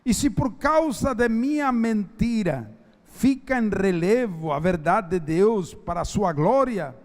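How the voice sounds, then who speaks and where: High, lively preaching man, echoey hall. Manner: emphatic, slow, drawn-out preaching cadence. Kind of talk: sermon with Bible reading. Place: church.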